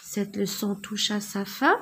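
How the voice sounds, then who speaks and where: A woman teaching a slow spelling and writing lesson, saying words letter by letter in clear, deliberate diction. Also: medium pitch, a bit bright, slight background noise.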